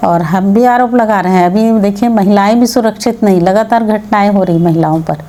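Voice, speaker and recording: A woman's voice: medium pitch, fairly quick, dark tone. A woman legislator answering interview questions firmly, arguing her case with rhetorical questions. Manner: firm, argumentative, rhetorical questions. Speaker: MLA, interview guest.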